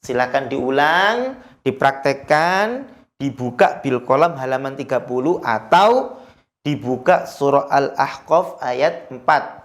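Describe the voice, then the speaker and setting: A Quran recitation teacher giving a recorded lesson, chanting verses slowly in a higher voice and explaining the rules quickly in a lower one.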